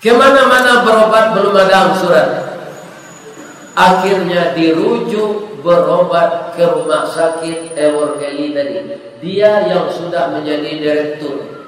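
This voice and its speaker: Male preacher, Minangkabau-tinged Indonesian accent, slow unhurried delivery, heard from a distance, long hall reverb. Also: a little high. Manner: humorous, drops softly into quoted prayers. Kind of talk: sermon storytelling. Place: mosque gathering. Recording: echoey hall, distant mic, faint noise.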